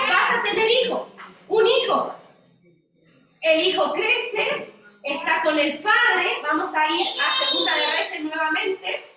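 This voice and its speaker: High bright-voiced woman teaching. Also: slight background noise. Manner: animated, engages listeners with questions. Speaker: women's Bible study leader. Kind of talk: church Bible study teaching. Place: church meeting room. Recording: echoey room, mic at a distance.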